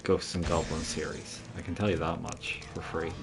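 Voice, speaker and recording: A man's voice: low voice, level tone, moderate pace, gravelly, over music. A man giving casual, sweary, joking gameplay commentary to a friend. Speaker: gamer playing through a video game.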